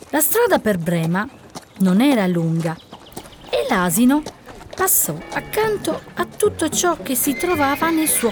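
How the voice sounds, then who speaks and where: A woman reading a fairy tale aloud as storyteller, slow and expressive. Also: medium pitch, slight background noise.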